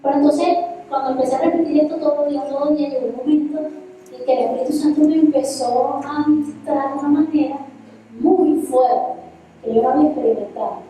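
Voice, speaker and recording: A woman's voice: sits high, steady tone, fairly quick, mellow, slight background noise. A woman with a Venezuelan accent preaching a sermon in a church, earnest and personal, speaking to the congregation as "amado". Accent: Venezuelan Spanish. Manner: earnest, testimonial, addresses listeners as "amado". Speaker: worship leader preaching. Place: church hall. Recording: echoey hall, distant mic.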